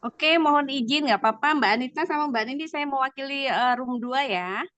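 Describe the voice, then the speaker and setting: A woman's voice: high-pitched, a little fast, fairly bright tone, no room sound. A woman trainee reporting her breakout group's discussion over a video call, explaining at length with many hesitant fillers. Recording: dull dry video-call audio.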